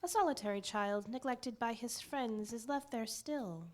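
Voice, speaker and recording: A woman voicing a gentle, solemn ghost. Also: on the high side, close to an everyday voice. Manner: soft, measured, at times whispered. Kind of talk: audiobook character voice.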